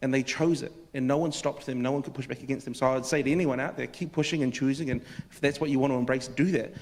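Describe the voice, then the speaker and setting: A man's voice: medium pitch, steady tone, fast talker, darkish tone, big-room sound. A man with a New Zealand accent making his point in a panel debate, earnest, often repeating words as he starts.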